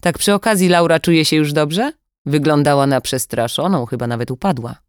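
A woman's voice: low voice, normal speed, dry recording, clean studio sound, close to an everyday voice. Narrator voicing a cold, mocking female kidnapper. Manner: icy, mocking, falsely sweet. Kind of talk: audiobook dialogue.

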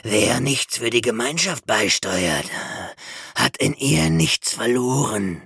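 A man voicing a gruff, scarred old male mouse king who talks in a stern, lecturing way, in a storybook reading. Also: medium pitch, big pitch swings, slow pace, a bit bright, no room sound, clean studio sound, heavily acted. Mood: scolding.

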